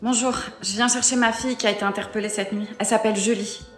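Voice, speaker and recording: A woman's voice: mid-range voice, fairly even intonation, quick pace, faint music behind, close to an everyday voice. A synthetic woman's voice as an overprotective scolding mother. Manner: scolding, indignant.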